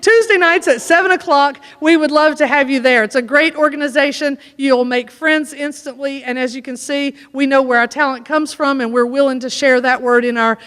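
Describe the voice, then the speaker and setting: A woman's voice: sits high, normal speed, hardly any pauses. A woman, a chorus singer, telling a folksy, funny story to a church audience. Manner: folksy, animated joke-telling. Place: church sanctuary. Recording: echoey church hall.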